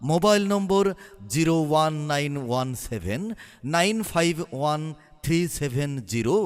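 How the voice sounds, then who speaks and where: A man from Bangladesh announcing a shop's wares over a PA loudspeaker, in a drawn-out, sing-song listing style. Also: on the high side, in a large hall. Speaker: shop announcer. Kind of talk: loudspeaker shop advertisement.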